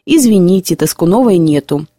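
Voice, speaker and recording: A woman's voice: on the low side, lively intonation, moderate pace, warm tone, no echo, clean studio sound. A woman voicing a grumpy, stubborn old man who insists and brushes people off, reading a storybook aloud. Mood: gruff. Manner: insistent, dismissive.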